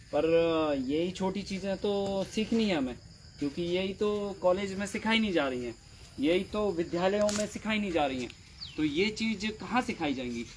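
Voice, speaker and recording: Man teaching trainees in a farm field. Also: on the high side. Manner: patient, repeats words, addresses trainees directly. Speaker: farming trainer. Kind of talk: outdoor field instruction. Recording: faint outdoor insect noise.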